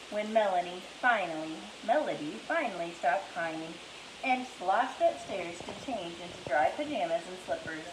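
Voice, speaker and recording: A woman reading a children's book aloud in an expressive storytelling manner. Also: fairly low pitch, reverberant, noisy background. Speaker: reader.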